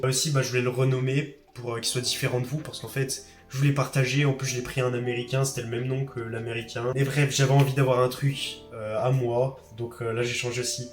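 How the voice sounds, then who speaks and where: A young man in his late teens chats loosely as he works through trading charts, full of fillers and self-mocking asides. His voice sits at an ordinary pitch and rings in a roomy space. Faint guitar music plays behind him. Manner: rambling, self-deprecating, many fillers. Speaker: trading vlogger. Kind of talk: casual chat while backtesting charts.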